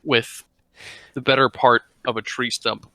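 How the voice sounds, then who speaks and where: A man's voice: mid-range voice, flat delivery, a little slow, bright, forceful tone, no echo. A man co-hosting a movie-review podcast, chiming in with dry, sarcastic one-liners. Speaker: podcast co-host. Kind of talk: casual movie-review chat.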